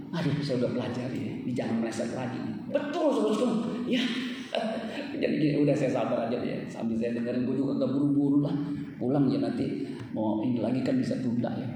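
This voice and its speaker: Older pastor preaching in an echoey hall. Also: male voice, mid-range voice, mellow, recorded from a distance, a little hiss or hum. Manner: casual storytelling, addresses congregation as "saudara sekalian". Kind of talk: sermon.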